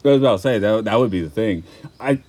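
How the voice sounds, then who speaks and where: A man's voice: on the low side, quick pace, a little mellow. Rambling, laugh-prone man chatting. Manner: rambling, laughs often, swears casually. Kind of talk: casual chat about a film.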